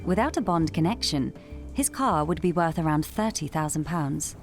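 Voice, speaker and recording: A woman's voice: low-pitched, lively intonation, normal speed. A British woman reading scripted narration for a television documentary. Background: music behind the voice.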